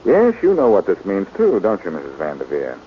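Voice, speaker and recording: A low-voiced man speaking a little fast plays a wry, confident reformed thief turned detective in 1940s radio acting. His delivery is cool, sardonic, and lively, heard through a muffled old radio transfer with hiss.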